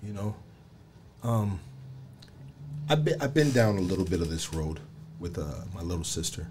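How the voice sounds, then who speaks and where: A man in his forties interviewing casually, halting and leaning on fillers and tag questions. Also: low voice, very animated, noisy background. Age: 40s.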